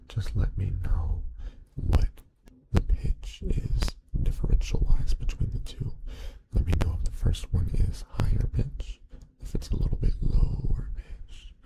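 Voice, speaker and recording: A young man whispering softly and patiently through an ASMR hearing test roleplay, giving step-by-step instructions and quiet praise. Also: low-pitched, gravelly, slight background noise, poor audio.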